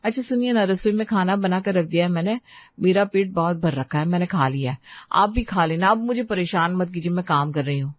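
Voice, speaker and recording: A woman's voice: lowish voice, a little fast, no room sound, lightly acted. Young cartoon wife, chatty and breezy, a woman doing her, dry dull sound. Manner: chatty, pleading "na" tags. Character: young wife, sweet but phone-distracted.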